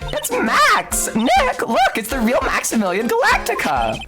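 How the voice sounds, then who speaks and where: Guy doing a gushy teen fangirl from a video game, super high squeals, music behind. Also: wildly swooping pitch, a little slow, exaggerated voice. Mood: thrilled. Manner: squealing, breathless gushing. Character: excitable eighteen-year-old girl, starstruck gushing superfan.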